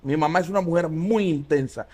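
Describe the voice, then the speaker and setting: A man in his forties, a pastor, telling his life story as an interview guest with many pauses and fillers. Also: on the high side, dark tone. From Honduras. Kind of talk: casual interview.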